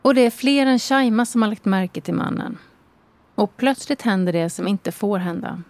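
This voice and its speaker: A woman hosting a podcast, reading scripted narration in a measured, calm way and putting questions to her guest. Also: medium pitch, no echo. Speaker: host and narrator.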